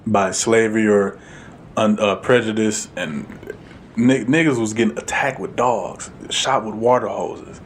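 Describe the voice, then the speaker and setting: A man's voice: on the low side, steady tone, a little slow, slight background noise. A man co-hosting a podcast in casual chat, blunt and emphatic, swearing freely. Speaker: podcast co-host.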